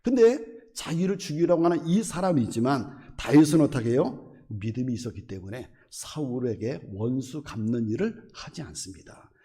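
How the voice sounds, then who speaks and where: A man's voice: mid-range voice, moderate pace, long reverb tail. A man preaching a sermon as a pastor, questioning his congregation and acting out the words of the story's characters. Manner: expressive preaching, voices the quoted characters, asks the congregation questions.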